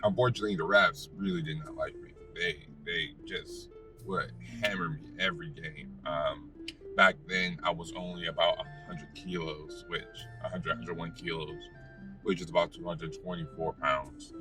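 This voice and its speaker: An American man, a vlogger, casually telling a personal story in a halting, rambling way with self-corrections. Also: deep voice, fairly even intonation. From United States. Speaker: vlogger and former basketball player. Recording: distant mic, music behind.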